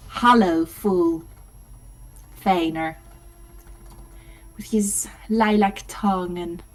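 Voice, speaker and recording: Woman putting on a slow, gloating old hag. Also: medium pitch, rough recording. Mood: scornful, gloating. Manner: slow, theatrical, gloating storytelling. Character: proud, scornful old hag reading her cunning journal. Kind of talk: dramatic in-character reading in a tabletop game.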